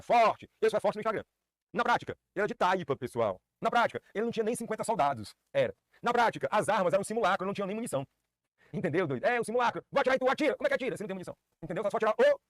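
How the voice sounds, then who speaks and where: A man's voice: high voice, no room sound. A man from Ceará, teaching a history lesson in a joking, colloquial way and repeating key points. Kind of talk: energetic classroom lecture. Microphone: filmed by a camera operator.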